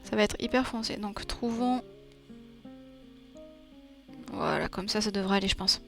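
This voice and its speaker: A woman's voice: mid-range voice, a little fast, vocal fry, faint music behind. A woman livestreaming while she draws, chatting with viewers and thinking aloud with playful little sound effects. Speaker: streamer. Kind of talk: casual livestream chat while drawing.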